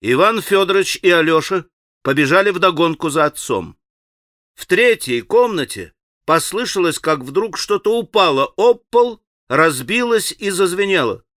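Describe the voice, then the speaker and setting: A man reading a classic novel aloud as an audiobook narrator, in a dramatic, expressive manner. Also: sits high, moderate pace, no echo, clean studio sound. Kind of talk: scripted literary narration.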